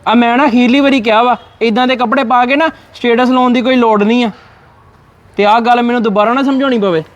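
A young man playing a bossy, stubborn younger brother, his voice high for a man as he lays down the law. He lectures firmly and will not give an inch. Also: steady tone, fast talker, highs cut off, a little hiss or hum. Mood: lecturing. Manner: lecturing, firm. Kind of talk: family short-film acting.

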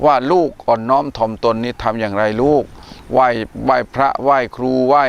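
A man's voice: mid-range voice, fairly even intonation, brisk, vocal fry, smooth, highs cut off. A man, a Buddhist monk from northeastern Thailand, hosting a casual religious talk show and telling stories with many "er" fillers. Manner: chatty storyteller, many "er" fillers. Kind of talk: casual discussion on a religious TV program.

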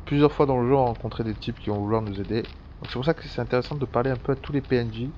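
A man talking through a game in a loose, chatty way, swearing often and thinking aloud at a middling pitch. The sound is dull and lo-fi, with a faint hum of ambience behind him. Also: very fast, a little mellow. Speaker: gameplay commentator. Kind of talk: casual let's-play commentary.

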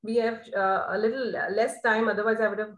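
A woman's voice: fairly high pitch, level tone, a little fast. A woman with an Indian accent giving an informal, instructive online training talk, mixing Hindi and English. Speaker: nutrition trainer giving a session. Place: indoors, video call. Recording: echoey room on video call.

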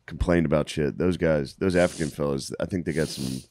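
A man in his thirties co-hosting a podcast, riffing with a drawling, deadpan manner in casual comedic banter. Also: a bass voice, brisk, no echo. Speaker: podcast co-host.

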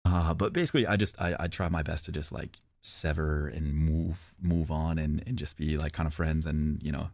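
A man's voice: extremely low pitch, fairly even intonation, normal speed, creaky, hardly any pauses, a little mellow. A man streamer telling a long personal story in a rambling, casual way, often repeating himself and swearing.

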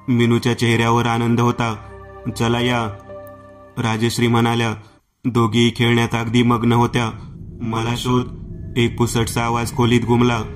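Male horror storyteller, Marathi accent, very flat even delivery, faint music under it. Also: mid-range voice. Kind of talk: scripted horror story narration.

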